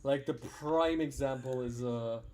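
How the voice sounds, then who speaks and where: A man's voice: medium pitch, measured pace, darkish tone, slight background noise. A young man hosting a casual chat, who stumbles, repeats words and breaks into laughter easily. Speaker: podcast host.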